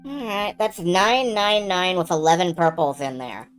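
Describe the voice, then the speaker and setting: A woman's voice: on the low side, a little slow. A woman giving casual, sweary game commentary as a let's play host, narrating her own moves as she goes. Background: game music.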